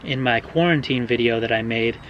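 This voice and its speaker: A young American man from Oregon casually answering viewer questions in a vlog, relaxed and hedging with frequent ums and uhs. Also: medium pitch, a little fast, muffled recording. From Oregon, USA. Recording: faint background noise.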